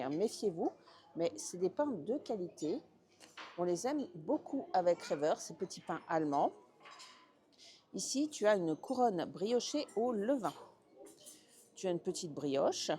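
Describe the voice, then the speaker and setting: A chatty woman walks through a hotel breakfast buffet, talking right to the viewer as she names dish after dish. Her voice is warm and mellow, sitting in a middling register. It sounds like a handheld camera mic in an indoor dining room. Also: medium pitch. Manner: chatty, lists items one by one, addresses viewer directly. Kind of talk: casual walkthrough vlog.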